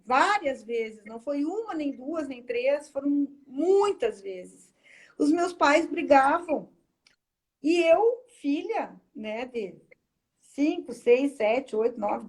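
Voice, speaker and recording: Guest, woman, high voice, tearful halting storytelling. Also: a little mellow. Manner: halting, tearful at moments, many fillers. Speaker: guest, lawyer and constellation practitioner. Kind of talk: emotional personal storytelling in a live chat.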